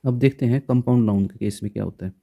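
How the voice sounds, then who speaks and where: Over tinny, narrow audio, a man with a mid-range, creaky voice talks fast as he teaches grammar. He's patient, restating rules and frequently stopping to check in with his students.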